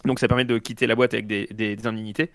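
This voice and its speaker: A man's voice: on the low side, level tone, very fast, fairly bright tone, no echo. Dry-recorded man with a slight lisp. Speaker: panelist. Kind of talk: casual spoken news discussion.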